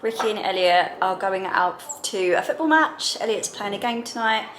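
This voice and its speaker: A woman's voice: medium pitch, expressive, moderate pace, fairly bright tone, slight background noise. Chatty woman vlogging at home. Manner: chatty, rambling, many fillers. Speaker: lifestyle vlogger. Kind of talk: casual vlog chat. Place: indoors at home.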